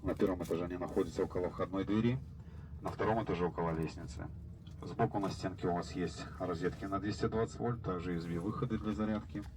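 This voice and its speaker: A low-voiced man reads passenger rules over a bus PA loudspeaker in a measured, official tone. His voice carries through a noisy moving bus cabin. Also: fairly even intonation. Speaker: bus crew announcer. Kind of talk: formal passenger announcement.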